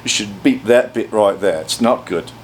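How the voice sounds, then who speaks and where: A man's voice: lowish voice, moderate pace, a little hiss or hum. A man, a studio producer, chatting casually with dry, rambling jokes. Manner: dry, joking, rambling asides. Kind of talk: casual interview chat.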